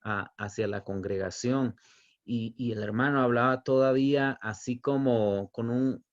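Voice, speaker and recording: A man preaching a sermon as pastor, telling stories with light humor, slowing for emphasis and then rushing through asides. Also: medium pitch, lo-fi sound. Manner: storytelling with humor, chuckles between points; swings between emphatic stretched phrases and quick asides.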